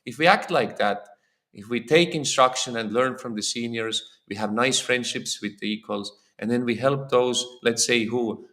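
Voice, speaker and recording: At a moderate pace, a man with a mid-range, fairly bright voice lectures informally on scripture in a temple hall. His Estonian accent comes through as he speaks earnestly, repeatedly saying words again while searching for phrasing.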